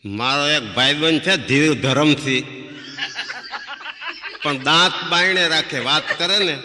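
This stand-up comic has a slightly high, pushed, bright voice and takes his time as he tells funny stories on stage, acting out the people in them for the audience. The live recording has long reverb and slight background noise.

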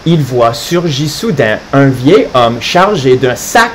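A man's voice: mid-range voice, very animated, takes it slowly, slight background noise. A man teaching French to children, reading a holiday storybook aloud live and stopping to explain words in English.

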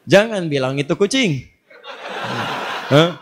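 A male Islamic preacher tells a story during a sermon, animatedly acting out scenes and quizzing his audience with questions. His voice is on the high side and slow, with background noise behind it.

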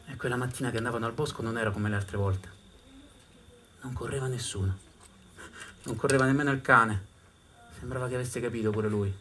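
A man performing a theatrical storytelling monologue on stage, shifting from hushed to loud. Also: mid-range voice, slight background noise. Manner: dramatic, swings from hushed to loud. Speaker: storyteller actor.

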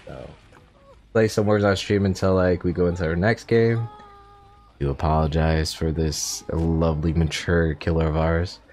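A man's voice: sits low, steady tone, normal speed, darkish tone, slight background noise. A man streaming a video game, chatting casually with teammates and viewers as he plays. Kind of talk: casual live gameplay chat.

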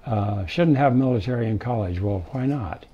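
An older man telling stories from his life in an interview, halting often with fillers. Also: medium pitch, husky, dull audio. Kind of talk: casual storytelling.

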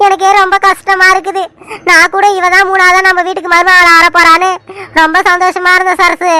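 A woman voicing an older family matriarch in a cartoon serial, lamenting sorrowfully and slowly. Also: very high voice, little pitch movement, bright, forceful tone. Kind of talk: animated family serial voice acting.

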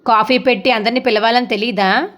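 A woman voicing a sharp-tongued, scolding middle-aged mother-in-law in a retold serial. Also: on the high side, fairly even intonation, a little fast, lightly acted. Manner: nagging, shouting.

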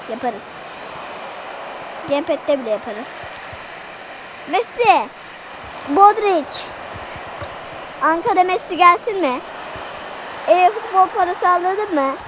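A woman giving let's-play commentary in a very high, lively voice. She is excitable, shouts at the game and keeps talking straight to her viewers. Steady background noise runs under her voice. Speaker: gaming channel host.

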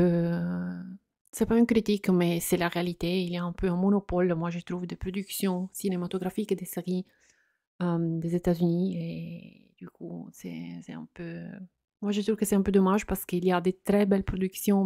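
Woman doing soft asmr chat, flat gravelly voice, lots of ums, non-native french, dry close sound. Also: on the low side, no room sound. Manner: hesitant, many fillers and restarts. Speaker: ASMR channel host.

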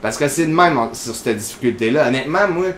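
A man's voice: medium pitch, animated, fast, fairly bright tone, echoey room, a little hiss or hum. A man with a Quebec French accent, hosting casual gameplay commentary in a chatty, rambling way full of fillers. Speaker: gaming channel host.

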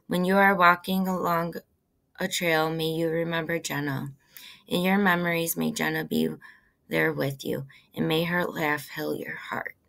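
A woman voicing a grieving young woman who gives a gentle, measured eulogy in a low, gravelly voice. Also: steady tone, exaggerated voice. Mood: solemn.

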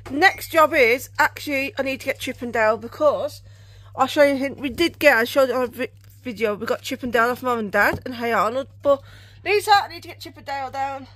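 Brief: young British woman, high bright voice, rambling home vlog co-host, talks to the camera. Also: a little fast, dry recording. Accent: British English. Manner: chatty, rambling, self-correcting. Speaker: channel co-host. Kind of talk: casual collection vlog. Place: home room with game shelves.

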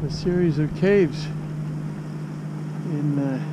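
A man's voice: a little high, slow pace. An older man filming himself on a sailboat, casually explaining his rigging and the coastline to the camera. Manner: relaxed, explains sailing gear step by step. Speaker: solo sailor vlogger. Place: outdoors on a sailboat deck and rocky coast. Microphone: action camera held at arm's length. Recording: loud wind noise on camera mic. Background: wind and water noise.

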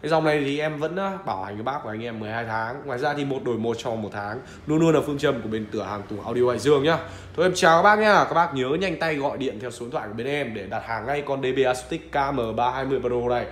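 A man with a Northern Vietnamese accent giving an insistent, repetitive hard-sell pitch as a shop seller showing off a product. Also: rapid-fire, hardly any pauses. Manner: insistent, repetitive, urging buyers. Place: indoor shop room with audio gear. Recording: roomy echo with faint background noise.

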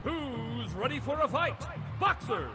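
A man voicing a booming boxing ring announcer in a game, giving drawn-out, theatrical introductions. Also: animated, heavily acted. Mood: hyping. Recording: game audio over loud music.

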